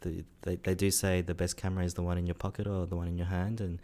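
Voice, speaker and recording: A man's voice: low voice, little pitch movement, quick pace, dark tone. A man co-hosting a tech podcast, talking casually and rambling with many fillers. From Australia. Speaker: podcast co-host.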